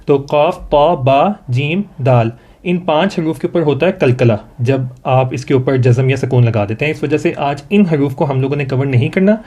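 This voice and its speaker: A man with a Pakistani accent teaching Quran reading one-on-one, patient, modeling each sound slowly for his student to repeat. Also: medium pitch, warm tone.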